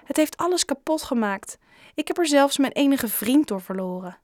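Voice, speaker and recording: A woman voicing an upset runaway boy in an audiobook, pitched up and defensive. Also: animated, normal speed, a little mellow, no room sound, clean studio sound. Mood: angry, tearful. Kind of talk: audiobook character reading.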